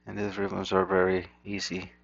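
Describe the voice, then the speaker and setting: A deep, gravelly-voiced man from Costa Rica mutters informally in his Costa Rican Spanish accent as he works on an electronics repair at his indoor workbench. He is a native Spanish speaker. The recording is dry, and the action camera mic makes it dull and lo-fi.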